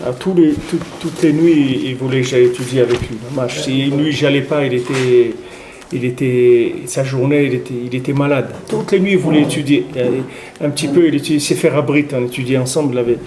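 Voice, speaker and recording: A man giving an informal religious lesson, telling stories with lively restarts and Hebrew terms. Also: mid-range voice, fairly quick, crowd noise. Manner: animated storytelling, many restarts and Hebrew terms. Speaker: rabbi giving a Torah class. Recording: echoey room with faint noise.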